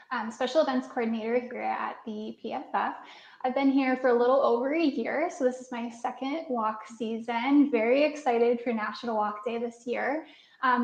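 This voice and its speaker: A woman from Chicago introducing herself as a special events coordinator on a video call, upbeat and friendly. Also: on the high side. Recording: echoey room on a video call.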